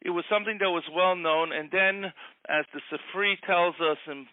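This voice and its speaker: A man speaking as a phone-in guest on a radio show. His voice is somewhat high, and the line sounds thin and phone-like. He explains at a measured pace, pausing with "uh" as he goes. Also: clean tone, no echo. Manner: measured explaining with frequent "uh" fillers. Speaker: rabbi guest on a call-in show. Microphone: telephone.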